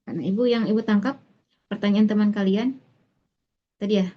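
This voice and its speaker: A female tutor explains a reading passage patiently in an online class, pausing often with fillers and restarts. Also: mid-range voice, fairly even intonation. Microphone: online class recording. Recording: muffled lo-fi online class audio.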